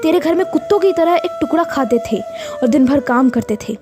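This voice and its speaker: A woman voicing a surly, bitter young village man who shouts his complaints. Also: fairly high pitch, moderate pace, music in the background, lightly acted.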